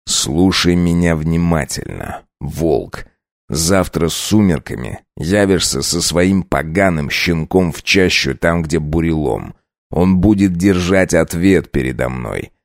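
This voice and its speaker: A man voicing a cruel, menacing vampire count with a low, slow, threatening growl, audiobook style. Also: lively intonation, creaky, dry recording, clean studio sound, full character voice.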